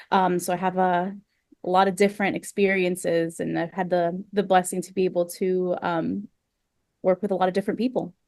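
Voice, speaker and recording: A woman's voice: lowish voice, darkish tone, no echo, clean studio sound. A young adult woman from Venezuela, a historian talking casually in an interview, with many fillers and restarts. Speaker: guest historian.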